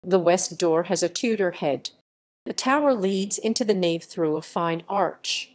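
A woman reading an encyclopedia article aloud in an even narration, reading symbols and captions out literally. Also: on the low side, unhurried. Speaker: article reader.

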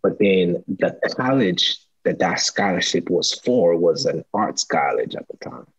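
Deep-voiced man from Rwanda, upbeat host. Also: lively intonation, a little slow, slightly rough, highs cut off. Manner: upbeat, laughs often, many "you know"s. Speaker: podcast host. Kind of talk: casual interview chat. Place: small room at home.

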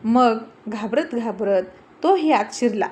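A woman storyteller narrating a folk-style story with a steady, expressive reading. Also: a little high, takes it slowly.

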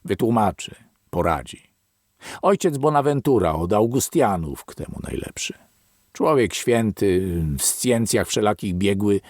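A man reading an audiobook, voicing a superstitious, wary old grandfather who grumbles and mutters slowly. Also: fairly low pitch, animated, a little mellow, no room sound, clean studio sound. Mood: musing.

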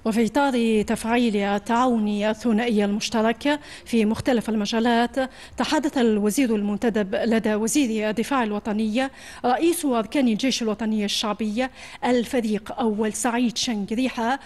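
A woman news anchor reading a television news bulletin in a formal, even newsreader delivery. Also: fairly high pitch, fairly quick.

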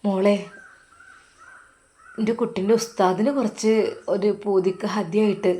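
A woman voicing a gentle elderly mother who speaks softly and pleadingly, close to tears. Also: medium pitch, little pitch movement, measured pace, close to an everyday voice. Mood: tearful. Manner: soft and pleading.

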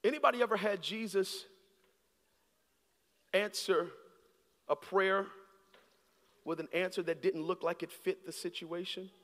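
A man in his thirties preaching a sermon on a large church stage with a handheld mic, swinging from hushed, slow lines to shouted peaks. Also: high voice. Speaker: guest preacher. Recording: long hall reverb.

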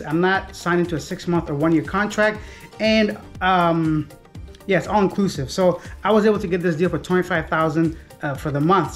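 Chatty man vlogging to the camera. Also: sits high. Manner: chatty, easygoing, talks straight to the camera. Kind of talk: casual travel vlog. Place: apartment indoors and city streets.

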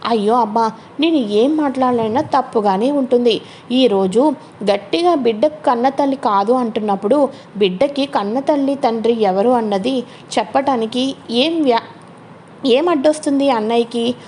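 A woman's voice: fairly high pitch, normal speed, darkish tone, slight background noise, natural voice. Woman voicing a taunting scheming sister. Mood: needling. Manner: taunting, needling questions. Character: scheming sharp-tongued woman of the family.

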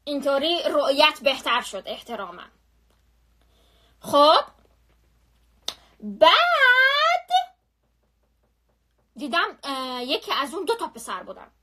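A young woman chats on a phone live stream, spinning a story in a lively, slangy way that keeps circling back on itself. Her voice sits high and rings bright and sharp. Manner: animated, chatty, full of slang and repetition.

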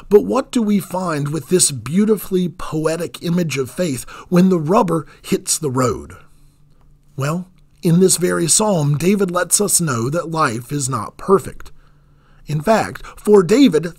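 A man preaching a sermon in an earnest, measured way, letting his voice drop on key phrases. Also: fairly high pitch, animated, husky.

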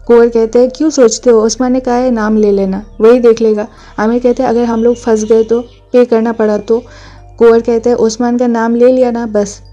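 Flat, dark-voiced woman recapping a drama. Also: on the high side, highs cut off. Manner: reads every character's lines in her own plain voice. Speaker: narrator recapping a drama episode. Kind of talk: casual episode recap narration.

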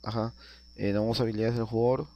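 A man's voice: fairly low pitch, level tone, fast, warm tone, muffled recording. A man narrating a casual video game tutorial, explaining each step with frequent filler sounds and tag questions. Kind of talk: casual screen-recorded game tutorial voice-over.

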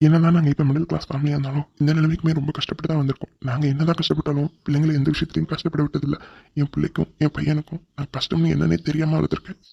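A man's voice: on the high side, little pitch movement, racing, gravelly, dark tone, slight background noise. A man voicing an earnest, middle-aged father of the bride in a cartoon drama, pleading and heartfelt. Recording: dull lo-fi recording.

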